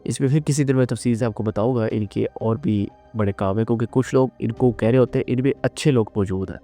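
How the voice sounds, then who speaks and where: A man giving unscripted, earnest analytical commentary on current events, pausing and restarting as he thinks. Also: medium pitch, dark tone, soft background music. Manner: earnest, measured, with frequent restarts and fillers.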